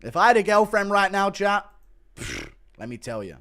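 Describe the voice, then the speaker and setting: Male fight-reaction streamer, high voice, sweary and excitable, moves between calm chat and shouted calls. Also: moderate pace. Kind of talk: live fight commentary and casual chat reaction.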